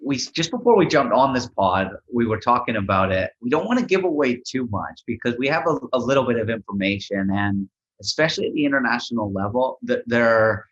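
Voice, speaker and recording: A man co-hosting a soccer podcast, breaking down tactics in quick animated bursts. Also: medium pitch, breathy edge, muffled recording. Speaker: podcast co-host and soccer analyst. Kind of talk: casual sports podcast chat.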